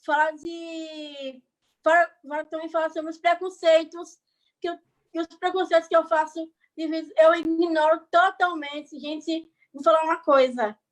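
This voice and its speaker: A woman from Bahia with a very high voice talks casually over a video call. She rambles and keeps checking that her listeners follow. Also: fairly even intonation, a little slow, poor audio. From Bahia, Brazil. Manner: chatty, rambling, keeps asking "entendeu?" and "sabe?". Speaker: guest speaker, online creator.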